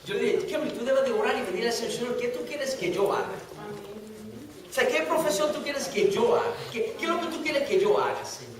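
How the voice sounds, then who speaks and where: A man's voice: extremely high pitch, very animated, brisk, a crowd in the background. A middle-aged man teaching a Bible study, preaching fervently, repeating phrases and often checking with the listeners. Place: church hall. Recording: echoey hall, distant mic, faint hiss.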